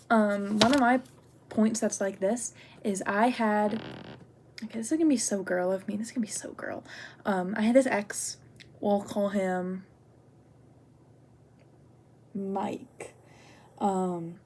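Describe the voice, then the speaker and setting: A young woman student talks through her notes in a loose, rambling way, with a middling pitch and plenty of "like" and "um." She speaks candidly and gets heated when her story turns personal. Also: normal speed, darkish tone, slight background noise. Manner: chatty, lots of "like" and "um". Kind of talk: casual spoken assignment response.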